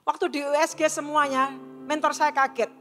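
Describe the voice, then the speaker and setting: A woman's voice: high-pitched, flat delivery, normal speed, bright, forceful tone, soft background music. A middle-aged woman giving an earnest personal testimony to an audience in a large hall, acting out the dialogue she quotes as she tells her story. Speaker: testimony speaker. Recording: long reverb of a large hall.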